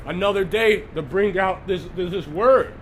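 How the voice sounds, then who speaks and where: A man with a high-pitched Texas voice preaches live to viewers online, hoarse from a recent illness, at a normal speed. He clears his throat repeatedly and stops to greet people by name, while a faint hiss runs beneath the stream.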